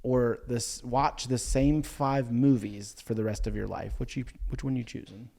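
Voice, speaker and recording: A man's voice: mid-range voice, steady tone, moderate pace, gravelly, dark tone. Laid-back young man from the US Midwest. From Ohio, US. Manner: laid-back, rambling, lots of "um" and "dude". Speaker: podcast co-host. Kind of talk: casual chat.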